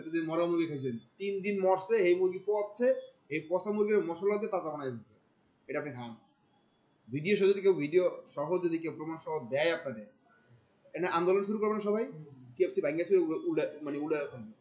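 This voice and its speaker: Animated man lecturing a class. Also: high-pitched, quick pace, lo-fi sound. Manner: questions the class often, mixing in English words; colloquial, animated explaining. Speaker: marketing instructor.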